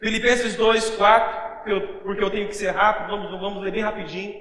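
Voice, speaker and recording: A Brazilian pastor preaches with emphasis and keeps putting questions to the congregation. His voice sits high for a man. It is recorded in a church conference hall that rings with echo and a long reverb. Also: little pitch movement, fairly quick, sharp tone. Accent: Brazilian Portuguese. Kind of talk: sermon.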